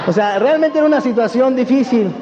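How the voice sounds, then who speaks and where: A man with a Mexican accent giving an animated personal testimony to a seminar audience, often checking that they follow him. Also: extremely high pitch, a little fast, crowd noise. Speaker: motivational speaker at a network marketing event. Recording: dull echoey hall recording with faint hiss.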